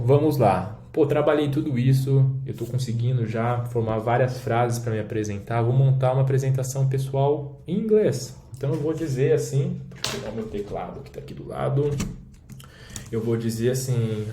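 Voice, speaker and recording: A man's voice: medium pitch, normal speed, dark tone. A man with a Brazilian Portuguese accent, teaching a language lesson while demonstrating an app on screen in a casual, explanatory way with frequent check-ins. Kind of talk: screen-share demo lesson. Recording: roomy echo, faint background noise.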